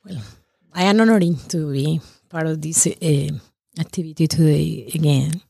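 A woman from Colombia, a nonprofit founder answering interview questions in a formal, deliberate way. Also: low-pitched, creaky, mellow, breathy edge.

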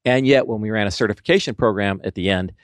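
A man's voice: lowish voice, fast talker, dry recording. A middle-aged man who works as a training consultant, telling workplace stories in a conversational interview.

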